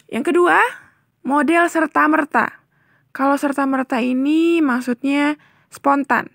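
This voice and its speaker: Young woman teacher talking kids through a lesson, high voice with some fry, chatty and patient. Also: no room sound, studio quality. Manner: chatty and patient, asks the pupils questions and answers them. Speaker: primary school teacher. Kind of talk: explaining a lesson to children.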